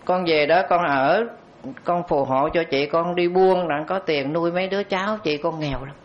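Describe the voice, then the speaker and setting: A man's voice: on the high side, normal speed, natural voice. A man voicing the ghost of a young man who pleads earnestly and respectfully with his teacher. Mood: pleading. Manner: pleading, addresses the monk respectfully. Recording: dull lo-fi recording.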